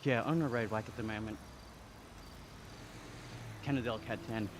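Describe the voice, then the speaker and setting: A young Australian man from Sydney chatting casually on a live stream, relaxed and talkative as he reads and answers chat. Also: on the low side, moderate pace. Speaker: livestreamer. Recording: clear background noise with insects.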